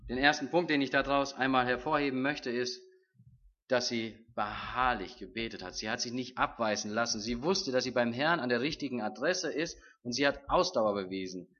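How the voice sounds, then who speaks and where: A man's voice: medium pitch, normal speed, fairly bright tone. Casting: earnest male preacher, mid-range voice, personal and confessional sermon delivery; dull lo-fi recording. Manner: earnest, personal, quotes his own prayers.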